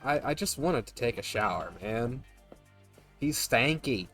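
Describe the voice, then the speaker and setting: A man's voice: medium pitch, expressive, measured pace, a bit bright. A man streaming a game, reading its text aloud and commenting casually with joking asides. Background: game music.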